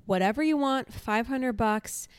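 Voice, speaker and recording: A woman co-hosting a podcast in casual chat, talking eagerly and pitching products with enthusiasm. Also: unhurried, smooth, no room sound. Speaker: podcast co-host.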